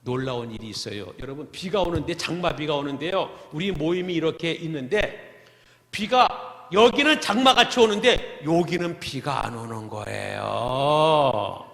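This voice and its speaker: A middle-aged male pastor with a high, bright, forceful voice preaches a testimony sermon, telling stories with lively exclamations. His voice rings out in an echoey church hall with a long reverb tail. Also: normal speed, gravelly. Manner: animated storytelling, exclamatory asides.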